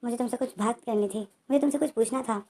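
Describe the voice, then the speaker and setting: A woman voicing a calm, puzzled young man in a retold story, reading his lines plainly in her own mellow voice. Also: a little high, quick pace. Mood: earnest.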